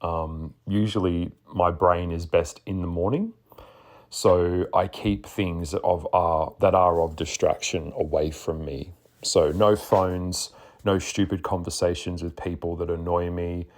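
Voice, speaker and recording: A man with a deep, husky, just-woken voice, chatting casually as a podcast host in a sassy, blunt way. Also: fairly even intonation, measured pace. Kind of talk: casual spoken monologue.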